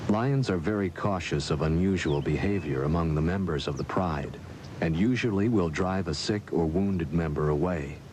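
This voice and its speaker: A man reading scripted nature documentary narration in a measured, formal storytelling way. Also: low voice, a little mellow, slight background noise.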